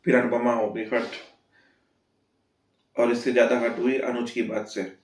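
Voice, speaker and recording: A man's voice: medium pitch, level tone, measured pace, roomy sound. A man casually recapping a TV serial episode, telling the story and briefly acting out the characters' lines.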